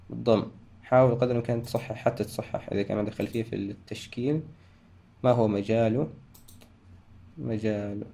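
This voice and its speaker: A man hosting a software tutorial, talking through each step and correcting himself as he goes. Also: on the low side, vocal fry. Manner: talks through steps, frequent restarts and self-corrections. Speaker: tutorial host. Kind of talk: screen-recorded software tutorial.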